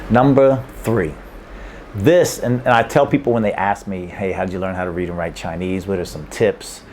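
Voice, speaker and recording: In a room in Hong Kong, a man offers casual language-learning advice to camera in a lowish, darkish voice. He rambles and repeats himself, restarting often and chuckling a little. There's slight background noise.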